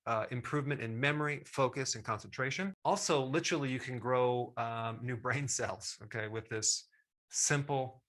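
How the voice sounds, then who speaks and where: A middle-aged man with a bright, forward voice talks straight to the viewer about health. His delivery is enthusiastic and emphatic, with a mid-range pitch and casual asides. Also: normal speed. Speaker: health educator host. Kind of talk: direct-to-camera health talk.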